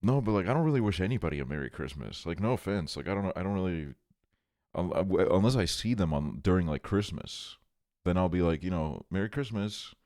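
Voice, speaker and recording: Very deep-voiced man rambling on stream. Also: expressive, fairly quick, a little mellow. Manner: rambling, wry, swears casually. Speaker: streamer reacting to a video and chatting with viewers. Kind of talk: casual livestream chat.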